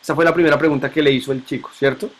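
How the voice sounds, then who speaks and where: A man's voice: fairly high pitch, steady tone, very fast. Male teacher quizzing a class. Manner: questioning students, repeating key points. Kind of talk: classroom Bible lesson.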